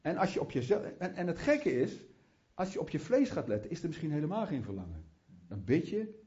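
Male preacher, fervent and chatty, slightly high voice with a mellow tone, muffled lo-fi recording. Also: huge pitch swings, fairly quick. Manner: fervent, rising to prayerful fervor; chatty asides, restarts. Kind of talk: sermon. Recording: muffled lo-fi sound.

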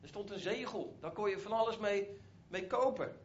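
A man's voice: high-pitched, normal speed, dull audio, a little hiss or hum. A man retelling a Bible story as a preacher, in a conversational way with frequent asides to his listeners.

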